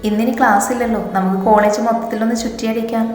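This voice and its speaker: A woman's voice: a little high, fairly even intonation, fast talker, a little mellow, lightly acted. Woman voicing a caring, bossy young female student; insistent, echoey storybook reading with music. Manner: scolding, insistent. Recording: echoey reverberant hall with music.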